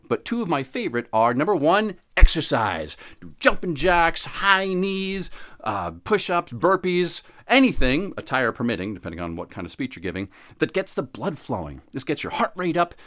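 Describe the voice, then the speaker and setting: A man teaching public speaking in a scripted video lesson, theatrical and playful, swinging his pitch and volume for effect. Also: fairly bright tone. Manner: playful, laughs between points.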